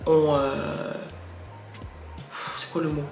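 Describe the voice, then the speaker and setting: A woman's voice: low voice, little pitch movement, extremely slow, gravelly, a little mellow, soft background music. A mother chatting to camera with parenting tips, correcting herself as she goes and articulating with emphasis. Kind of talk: casual chat to camera. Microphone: wireless earbud. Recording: echoey room, faint background noise.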